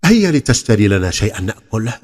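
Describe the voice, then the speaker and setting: A man's voice: on the low side, sing-song, fast talker, a little mellow. Man playing a bossy bandit chief, echoing. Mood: commanding. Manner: bossy, emphatic, declamatory. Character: commanding bandit chief, adult man, menacing. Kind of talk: storybook character acting. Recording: long hall reverb on the voice.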